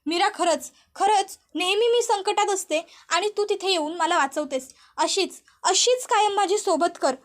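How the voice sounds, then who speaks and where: A woman's voice: very high voice, unhurried. A woman voicing the spirit of a young woman trapped in a tree, pleading and earnest. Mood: tearful. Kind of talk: storytelling voice acting.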